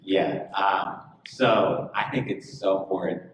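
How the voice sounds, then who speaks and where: A man's voice: deep voice, fairly even intonation, slow pace, a little hiss or hum. A man who serves as a church's student director, speaking in an earnest, preacherly way. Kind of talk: earnest ministry talk. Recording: echoey room from a distant mic.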